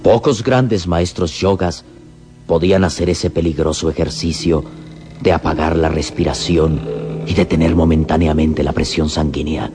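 A man narrating a dramatic radio serial in a theatrical, suspenseful manner with deliberate pauses. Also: a bass voice, steady tone. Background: dramatic music.

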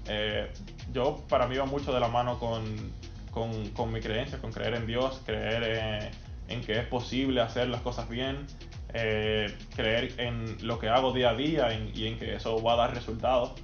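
A man's voice: mid-range voice, steady tone, moderate pace, echoey room, muffled recording, soft background music. A man of twenty-two, a young athlete answering interview questions thoughtfully, with frequent hesitations.

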